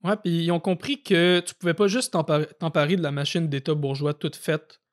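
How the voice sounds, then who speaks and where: A man with a Québécois French accent and a slightly high voice walks through history in a relaxed, conversational way. He thinks aloud as he talks, repeating words and dropping in fillers. It sounds like an audio-only podcast discussion. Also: a little fast. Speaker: podcast co-host. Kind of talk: casual political history discussion.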